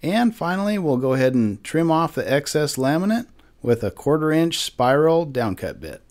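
In his indoor wood shop lined with lumber racks, a fortyish woodworking instructor walks through a friendly, step-by-step lesson. He speaks a little high and sing-song, at a moderate pace, with a darkish tone.

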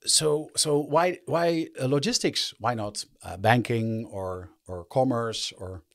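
A man's voice: medium pitch, slow, gravelly, a bit bright. A man hosting a podcast, asking questions in a friendly, hesitant way with many fillers. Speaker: podcast host. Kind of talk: podcast interview.

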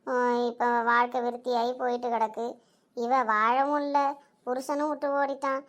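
A woman's voice: on the high side, little pitch movement, normal speed, a bit bright, natural voice. A woman playing a meek, gossiping older village woman who speaks deferentially and pleads, in an amateur audio drama. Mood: pleading.

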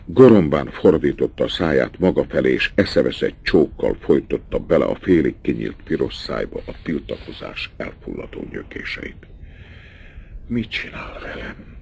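A man narrating a historical novel in a measured, dramatic way for an audiobook. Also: a bass voice, expressive, gravelly, a little mellow, slight background noise.

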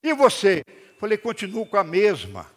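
A man's voice: high-pitched, moderate pace. An older man with a Brazilian accent, preaching a sermon to a congregation and telling stories with acted-out dialogue. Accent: Brazilian Portuguese. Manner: lively storytelling with acted-out dialogue and jokes. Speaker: rabbi preaching. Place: congregation hall. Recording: long hall reverb.

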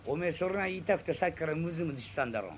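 A man voicing an easygoing townsman who coaxes and chides his drinking companion in rough, teasing Tokyo speech, in rakugo storytelling. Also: on the high side, lively intonation, racing, slight background noise, natural voice. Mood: coaxing. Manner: coaxing, teasing banter in rough Edo speech.

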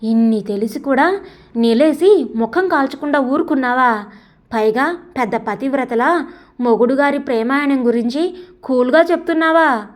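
A woman voicing an outspoken friend who scolds with rapid questions. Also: high-pitched, lightly acted. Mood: indignant.

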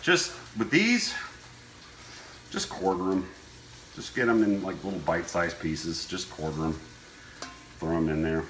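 A low-pitched man walks through a recipe in a loose, easygoing manner, chatting as he works. The room is echoey, and there is clear frying and stirring noise behind him. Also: fairly even intonation, moderate pace, long pauses. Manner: laid-back, easygoing, offhand. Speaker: home cooking show host. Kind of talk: casual cooking demonstration, talking while working. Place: indoor kitchen. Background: frying sizzle and stirring.

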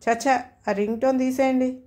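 A woman's voice: high voice, fairly even intonation, moderate pace, a little mellow, voice pushed up, natural voice. A woman voicing a fretful housewife. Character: anxious middle-aged housewife.

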